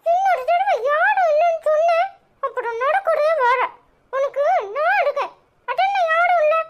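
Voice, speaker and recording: Young cartoon boy, extremely high and piping, Tirunelveli accent, defiant, loyal. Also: expressive, normal speed, highs cut off. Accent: Tirunelveli Tamil. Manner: defiant, cries and pleads by turns. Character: spirited young boy, fiercely loyal to his mother. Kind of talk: cartoon voice acting.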